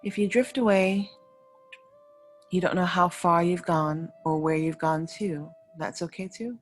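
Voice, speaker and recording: Over faint music, a low-voiced woman guides a yoga nidra meditation as its teacher. Her soothing instructions come in short, unhurried phrases separated by pauses.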